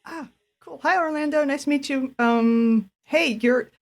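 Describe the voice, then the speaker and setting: A woman's voice: sits high, unhurried, voice pushed up. A woman voicing a young nature preserve intern who rambles and hesitates, with plenty of fillers and restarts, in a tabletop role-play.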